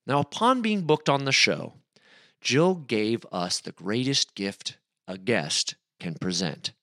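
A man hosting a podcast, narrating an introduction with lively enthusiasm. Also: medium pitch, slow pace, dry recording, studio quality. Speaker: podcast host. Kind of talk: scripted narration.

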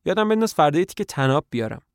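A man voicing a weary older tramp who makes flat, despairing remarks. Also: a little high, dry recording, clean studio sound. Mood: gloomy.

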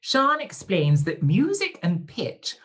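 A man's voice: high-pitched, wildly swooping pitch, takes it slowly, fairly bright tone. A man hosting a podcast interview, theatrical and wordy, fond of elaborate vocabulary and calling guests darling. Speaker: podcast host. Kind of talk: interview chat.

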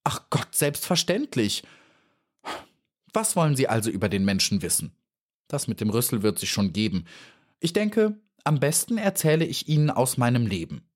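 Man reading as a cheeky little housefly, high-pitched, boastful, dismissive, storybook voice. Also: very animated, moderate pace. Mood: huffy, chatty. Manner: cocky and dismissive, then shrill and pleading.

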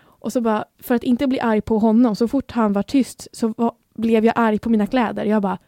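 A woman's voice: a little high, steady tone, warm tone, dry recording, clean studio sound. Young woman, candid and self-mocking. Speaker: podcast co-host. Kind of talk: casual chat.

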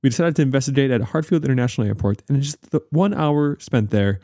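Man playing an earnest, animated TV investigative reporter. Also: medium pitch, fast, no echo, studio quality, natural voice. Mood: mock-serious. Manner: mock-serious, insistent. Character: earnest, probing male TV news investigative reporter. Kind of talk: parody news report.

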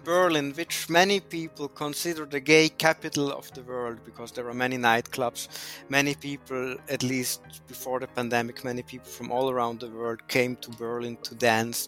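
A man from Austria, a physicist, speaking in a thoughtful, measured way in an interview. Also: mid-range voice, steady tone, a bit bright, faint music behind. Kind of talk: interview testimony.

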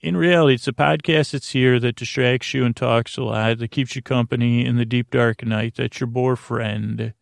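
This creaky, low-key sleep-podcast host and creator gently rambles to the listener at normal speed with a steady tone and hardly any pauses. His soothing monologue is meandering and hesitant, often repeating and trailing off mid-word. The audio is studio quality, with no room sound.

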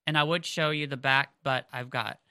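This co-host's voice is extremely low, steady, pushed and bright, at normal speed, as she chats casually on a podcast with rambling fillers and restarts. Headphones on and close to the mic, the sound is clean studio audio without echo.

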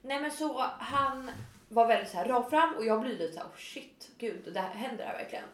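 A woman's voice: fairly high pitch, reverberant. A woman in casual chat, telling a story animatedly and acting out what people said. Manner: animated storyteller, acts out quotes.

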